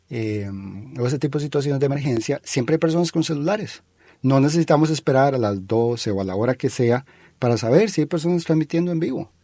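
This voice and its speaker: A man's voice: mid-range voice, mellow, no echo. A Costa Rican man hosting a talk show, speaking in a plain mid-range voice. He argues point by point in an opinionated, analytical way and often stops on fillers. The sound is close and dry, with no room around it. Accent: Costa Rican Spanish. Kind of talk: critical discussion.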